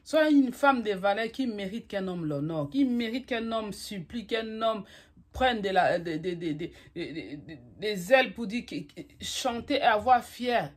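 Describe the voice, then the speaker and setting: A woman's voice: medium pitch, lively intonation, a little slow, slightly rough. A woman vlogger giving relationship advice to camera in an emphatic, repetitive way, mixing in English phrases. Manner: emphatic, repetitive, addresses listener as "my lover"; mixes French with English phrases. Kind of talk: motivational talk to camera.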